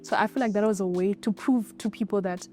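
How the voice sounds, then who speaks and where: A woman's voice: mid-range voice, fairly quick, mellow, faint music behind. A young woman born in Zimbabwe and raised in South Africa, chatting openly as a podcast guest about growing up. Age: young adult. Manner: open and chatty, some restarts. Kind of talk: casual personal storytelling.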